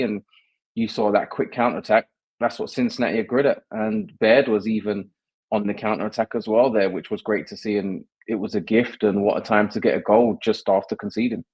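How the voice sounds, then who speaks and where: A man's voice: on the low side, a little mellow, dull audio. A man co-hosting a soccer podcast, chiming in with agreement and his own casual analysis of plays. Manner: agreeable, chuckles along. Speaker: co-host, soccer pundit.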